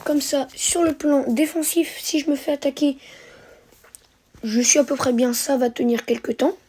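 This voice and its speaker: A woman's voice: sits high, fairly even intonation, normal speed, a little mellow. A woman narrating a strategy game replay for viewers, hesitant, with many fillers and self-corrections. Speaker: gameplay commentator.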